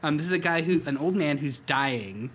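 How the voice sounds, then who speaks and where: A man hosting a comedy podcast, reading a story aloud and breaking off for dry, halting asides. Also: fairly high pitch, animated, a bit bright, a little hiss or hum. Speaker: podcast host.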